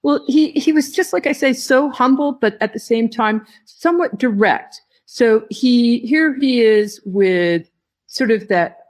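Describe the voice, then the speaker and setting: Slow, reflective woman guest. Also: fairly high pitch. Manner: slow, reflective, phrases broken by pauses. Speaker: tea company head, podcast guest. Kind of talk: interview answers.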